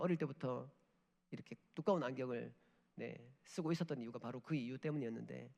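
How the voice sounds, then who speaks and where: A man in his thirties, a missionary preaching a sermon in a church sanctuary, moving between forceful urging and hushed, near-whispered moments. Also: on the high side. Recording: long hall reverb.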